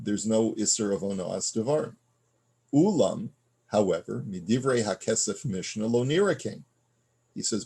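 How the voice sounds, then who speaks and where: A rabbi with a low, husky, darkish voice leads a text study lesson, reading Hebrew passages aloud and then explaining them in plain, conversational English. His teaching is full of fillers and restarts, and he often checks in with the listener.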